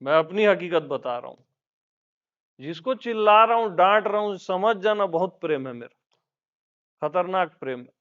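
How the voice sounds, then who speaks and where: A man's voice: high voice, animated, normal speed, long pauses, fairly bright tone, lo-fi sound. A man as a spiritual teacher giving an informal satsang talk, telling stories in a chatty way and laughing often.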